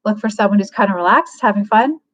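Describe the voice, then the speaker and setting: A woman's voice: mid-range voice, expressive, fast talker, fairly bright tone. A woman hosting a livecast, giving frank, casual advice and thinking aloud with plenty of fillers. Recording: dull lo-fi livecast audio.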